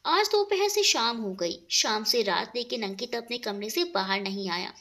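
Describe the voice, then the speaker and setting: A woman narrating an emotional family story in an expressive storytelling manner. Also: fairly high pitch, moderate pace.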